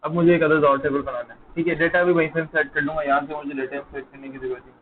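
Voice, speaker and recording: A man's voice: on the high side, fairly even intonation, fast talker. A man teaching a live online coding lecture, talking while he types and checking in with students. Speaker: programming teacher. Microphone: close mic, dull over an online call. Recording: tinny call audio, faint noise.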